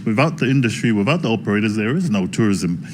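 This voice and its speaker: A man speaking informally to a gathering as a presenter, in a halting way with repeated phrases. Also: lowish voice, animated, slight background noise. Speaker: tourism authority presenter introducing speakers. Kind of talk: informal public address at a launch event. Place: conference room.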